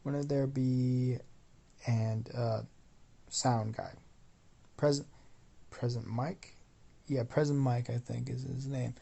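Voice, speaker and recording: A man's voice: medium pitch, fairly even intonation, takes it slowly, gravelly, long pauses, warm tone, a little hiss or hum. A sleepy young man rambling as he narrates a fan-fiction story, full of fillers and restarts.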